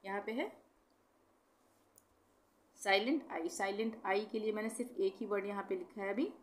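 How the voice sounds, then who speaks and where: A woman's voice: medium pitch, slight background noise. Hindi-speaking woman teaching pronunciation. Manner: spells words letter by letter, repeats them slowly, corrects her own slips. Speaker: English teacher. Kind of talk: classroom-style lesson explaining pronunciation.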